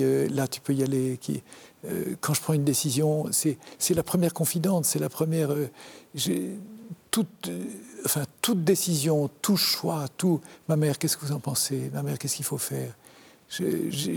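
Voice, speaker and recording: A French parish priest speaking earnestly in an interview, in a halting way with many restarts. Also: male voice, on the high side, steady tone, creaky, a little mellow, slightly rough. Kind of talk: interview, devotional reflection.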